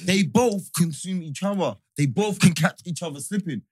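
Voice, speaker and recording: A man with a London roadman accent in animated group banter, speaking emphatic street slang and repeating himself to drive points home. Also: sits high, normal speed, slightly rough. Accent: London, urban street slang.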